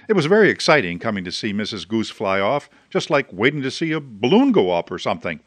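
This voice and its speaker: A man reading a children's story aloud in a gentle, expressive way. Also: medium pitch, quick pace, no echo. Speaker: storybook reader.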